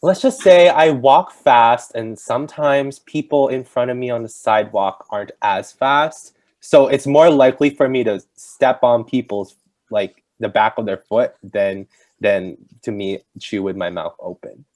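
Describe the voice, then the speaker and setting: A man's voice: mid-range voice, a little slow, darkish tone. A man hosting a casual podcast chat, laughing often and restarting his sentences. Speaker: podcast host.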